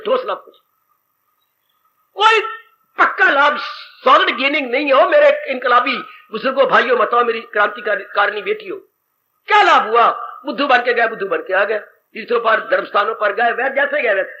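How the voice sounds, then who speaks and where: A man's voice: very high voice, brisk, pushed and bright. A man giving a devotional sermon, dramatic and rhetorical, with sighing exclamations. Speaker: spiritual teacher. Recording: muffled old tape with faint hiss.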